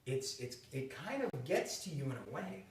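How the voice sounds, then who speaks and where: Hosting a casual conversation, a Boston man in his thirties is animated and quick to laugh, frequently restarting his sentences in his Boston accent. His mid-range voice swings widely in pitch at a normal speed, heard from afar in an echoey room.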